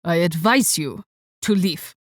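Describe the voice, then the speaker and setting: A woman narrator doing a menacing vampire chauffeur with a German accent, speaking low and unhurried. The voice sits well below her own, quiet and threatening. The sound is dry and close. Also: animated, no room sound. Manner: slow, low, quiet warning. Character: menacing male vampire driver, deep-voiced.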